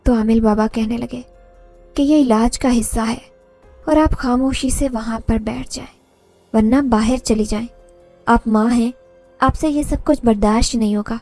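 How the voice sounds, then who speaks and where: A woman storyteller narrating a first-person horror tale in a steady, earnest way. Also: a little high. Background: faint music.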